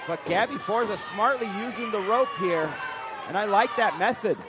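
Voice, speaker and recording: A man doing live wrestling commentary, excitable and quick to exclaim at the big moves. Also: high voice. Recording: loud crowd noise, live event venue. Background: crowd and event noise.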